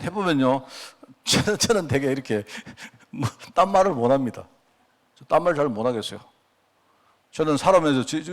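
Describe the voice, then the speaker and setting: A man's voice: on the high side, fairly bright tone. A middle-aged man preaching a sermon as a pastor, chatty and full of rhetorical questions, acting out quoted prayers along the way. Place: church sanctuary.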